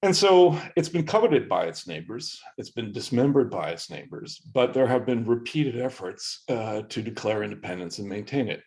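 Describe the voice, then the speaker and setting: Answering interview questions as a podcast guest, a middle-aged professor from Canada explains history earnestly, frequently starting his thoughts over. He speaks at a normal speed with few pauses, in a medium, darkish, sing-song voice.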